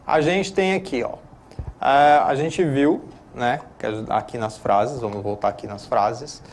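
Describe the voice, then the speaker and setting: An unhurried man with a medium-pitched voice and a Brazilian Portuguese accent gives a classroom-style English lesson on a studio broadcast, with a little hiss or hum in the background. He explains things chattily, leans on the same filler tags over and over, and self-corrects.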